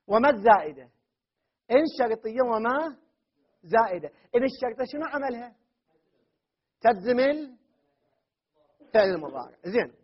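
A man teaches a grammar class in a very high, husky voice. He chants word forms one after another and keeps asking his students whether they follow. The recording is dull and lo-fi. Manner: drills word forms aloud, often checks with students.

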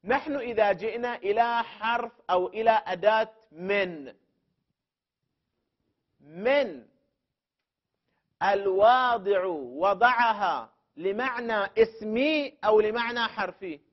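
A man with a high voice gives a methodical classroom lecture. He poses questions to his listener, then answers them by restating each term several times. The recording sounds dull and lo-fi. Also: slow pace, long pauses. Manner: explains step by step, repeating terms for emphasis; addresses the student directly and poses questions. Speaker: teacher of jurisprudence principles.

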